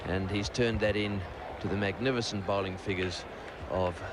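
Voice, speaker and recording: A man's voice: lowish voice, steady tone, normal speed. A man giving live cricket commentary, adding his observations on the play. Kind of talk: live expert sports commentary. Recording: noisy outdoor broadcast with crowd. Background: stadium crowd.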